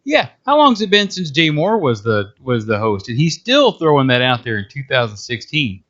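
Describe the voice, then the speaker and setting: Bright-voiced man hosting a gaming podcast. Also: medium pitch, very animated, normal speed. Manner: conversational, with filler words and restarts. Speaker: podcast host. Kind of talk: casual chat. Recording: muffled lo-fi audio.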